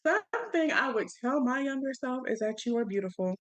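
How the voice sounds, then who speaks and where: A young woman co-hosting a podcast, talking candidly in relaxed slangy chat and laughing often. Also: high voice, fairly quick, rough recording. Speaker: podcast co-host. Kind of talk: casual chat.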